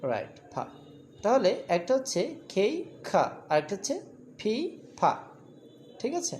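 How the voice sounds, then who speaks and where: A woman's voice: medium pitch, sing-song, moderate pace, a little mellow, slight background noise. A woman from Bangladesh teaching English to children in a classroom lesson, repeating sounds and asking the class questions.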